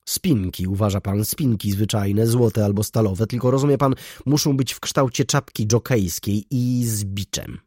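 Guy doing a scatterbrained baron, fussy and fawning, kinda husky. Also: fairly low pitch, moderate pace, hardly any pauses, darkish tone, no echo, clean studio sound. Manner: fawning, rambling, eager. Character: fussy absent-minded aristocratic baron.

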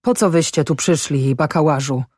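A distraught peasant father speaks low and muffled, torn between pleading and blame, as a woman reads him. His voice sits a little above the reader's usual pitch and sounds close and dry. He is an audiobook character. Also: normal speed, a little mellow, slightly rough, dry recording. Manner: muffled, pleading then accusing.

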